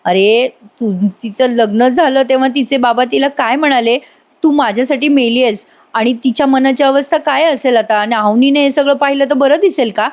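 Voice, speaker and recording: A woman's voice: sits high, normal speed, pitched above the performer's own voice, natural voice. A woman voicing an exasperated young husband who scolds his brothers and argues indignantly.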